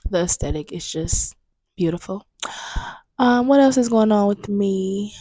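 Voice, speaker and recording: In a booked studio room, a young woman's solo casual podcast turns into candid venting, full of emphatic repetition. Her mid-range voice is warm and animated at a measured pace, a little stuffy, recorded on a close, dry mic without echo.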